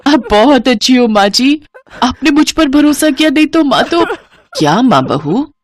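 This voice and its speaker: A woman's voice: high voice, expressive, unhurried, dry recording, clean studio sound, pitched above the performer's own voice. A woman voicing a timid young bride in a storybook, speaking in a pleading, fearful way. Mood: earnest.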